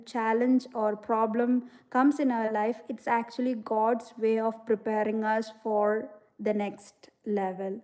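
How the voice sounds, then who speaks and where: A woman's voice: fairly high pitch, warm tone. Earnest woman chatting on a livestream. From India. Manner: earnest and reflective, with many "you know" fillers; reads out and answers viewer comments. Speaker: livestream host. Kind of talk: casual livestream chat.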